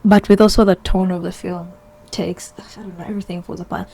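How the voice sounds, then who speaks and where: Husky woman rambling thru her opinions on a vlog, kinda low warm tone. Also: level tone, brisk. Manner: chatty, opinionated, rambling with asides. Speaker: video essayist. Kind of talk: casual opinion vlog commentary.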